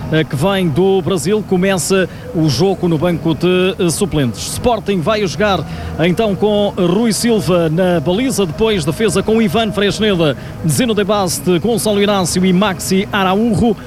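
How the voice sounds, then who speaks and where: Male football reporter, European Portuguese, high voice, halting, clearly noisy live feed. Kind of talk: live radio pre-match report.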